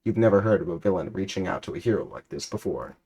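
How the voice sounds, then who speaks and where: A man reads a story aloud as comic drama, keeping a deadpan delivery and now and then stumbling and rereading lines. His deep voice moves fast and has a breathy edge.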